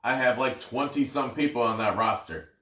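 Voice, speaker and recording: A man's voice: medium pitch, normal speed, pushed and bright. A man in casual sports banter, rambling and swearing in a self-deprecating way. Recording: echoey room, distant from mic.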